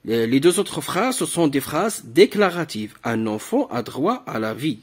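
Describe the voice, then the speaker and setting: A man's voice: fairly high pitch, very animated, measured pace, husky. A man teaching a French grammar lesson to primary pupils, patiently repeating key words and asking questions.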